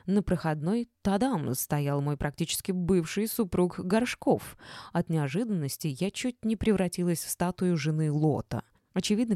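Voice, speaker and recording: A woman's voice: lowish voice, dark tone, no echo, clean studio sound. A woman narrating a first-person audiobook in a wry, ironic manner.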